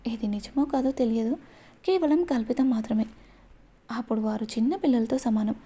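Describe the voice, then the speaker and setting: Brief: a woman storyteller putting on an obsessive young villain, menacing, with a soft husky tone. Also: fairly high pitch, normal speed. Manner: menacing, gloating.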